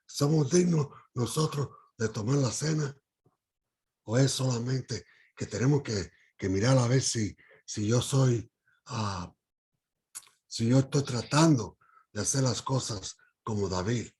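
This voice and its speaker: Slow, husky man leading Bible study. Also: mid-range voice, darkish tone. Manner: halting, with many fillers and restarts; asks the group questions.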